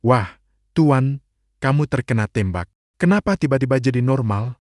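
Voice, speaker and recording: A man's voice: mid-range voice, animated, moderate pace, a little mellow, no room sound, natural voice. A man voicing a worried, fretful system helper in a story recap, with a dry sound.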